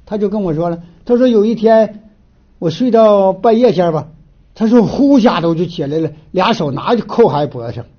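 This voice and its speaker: A man from Northeast China with a Northeastern Mandarin accent, giving a folksy moral lecture in an animated storytelling way, often restarting with fillers. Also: sits high, a little fast. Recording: dull lo-fi recording.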